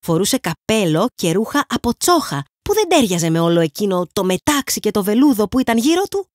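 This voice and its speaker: A woman from Greece narrates a storybook with an animated, swinging pitch and an expressive delivery. Her voice sits at a middle height and sounds dry and close to the mic. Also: no echo. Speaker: audiobook narrator. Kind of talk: scripted audiobook narration.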